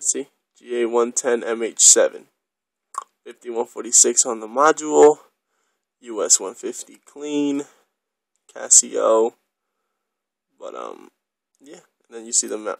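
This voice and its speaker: A man's voice: mid-range voice, fairly bright tone, dry recording, rough recording. A young man casually reviewing a watch on camera, rambling and enthusiastic, with lots of ums and the odd swear word.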